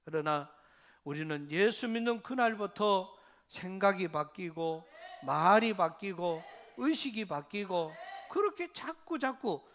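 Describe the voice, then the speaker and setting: A man's voice: high voice, takes it slowly. A male pastor with a Gyeongsang accent preaching a sermon, telling Bible stories and acting out the voices in them. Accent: Gyeongsang dialect. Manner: animated storytelling, acts out biblical voices.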